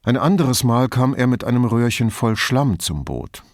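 A man reading an audiobook plays a reflective middle-aged police commissioner who talks in a measured, thoughtful way. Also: mid-range voice, sing-song, a little mellow, no echo, studio quality.

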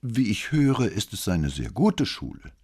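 A calm, probing police commissioner, read by a man who asks measured questions. The voice sits very low with a husky grain. It belongs to an audiobook interrogation scene. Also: heavily acted.

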